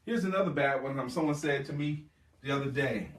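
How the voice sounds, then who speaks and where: A man's voice: medium pitch, a little fast, roomy sound, distant mic, a little hiss or hum. A man giving a motivational sales seminar talk as a trainer, speaking emphatically and repeating key words for stress.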